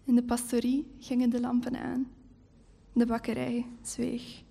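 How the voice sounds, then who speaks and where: A woman reads her own story aloud on stage at a live event. Her voice is fairly high but mellow, and her delivery stays even and flat. She reads with a steady, measured pace. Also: gravelly, breathy edge. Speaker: author reading her story. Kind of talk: live literary reading.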